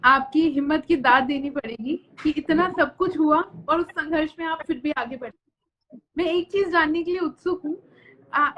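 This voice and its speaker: High-voiced attentive woman interviewer. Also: dull audio. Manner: attentive, encouraging, asks questions. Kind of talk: interview questions.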